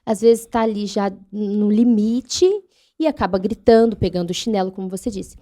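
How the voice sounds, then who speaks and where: A woman's voice: mid-range voice, fairly even intonation, moderate pace, mellow. A woman with a Brazilian Portuguese accent who hosts a podcast and asks attentive follow-up questions in a studio. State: pregnant. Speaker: podcast host.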